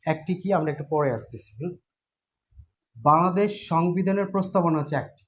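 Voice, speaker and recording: A male teacher runs an online exam-prep class. His voice sits slightly high for a man. He talks casually, repeats key points and keeps asking his students whether they follow. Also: fairly quick. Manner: repetitive, checks in with students often.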